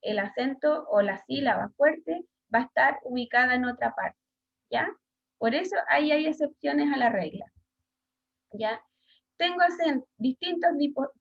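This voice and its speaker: Chilean woman teacher, high voice, halting with fillers, dull video-call sound. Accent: Chilean Spanish. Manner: hesitant, many fillers, asks pupils questions. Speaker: schoolteacher. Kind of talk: online class lesson.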